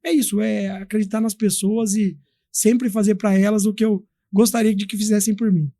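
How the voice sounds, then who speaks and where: A man from Brazil, a guest in an interview, telling a story in a lively, chatty way with many fillers. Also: high-pitched, normal speed, dry recording. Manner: animated, acts out quoted voices, many fillers. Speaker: guest, company founder.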